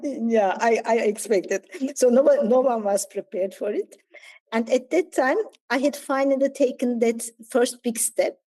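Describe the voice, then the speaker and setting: A woman's voice: fairly high pitch, unhurried, warm tone, rough recording. A woman in her forties from Turkey with a Turkish accent, a guest telling her story candidly and reflectively in an interview, with small slips in her English. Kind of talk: interview conversation.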